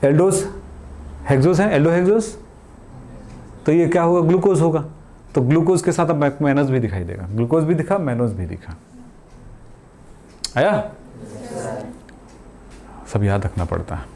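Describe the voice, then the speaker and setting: A middle-aged chemistry teacher with a mellow voice on the high side speaks expressively at normal speed, pausing often. His lesson is conversational and colloquial: he asks and answers his own questions, uses everyday examples, jokes, and calls students "beta."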